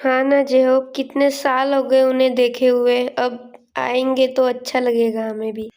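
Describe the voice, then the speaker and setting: A woman's voice: sits high, level tone, unhurried, darkish tone. A woman voicing a busy young wife chatting with her husband at home. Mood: homely.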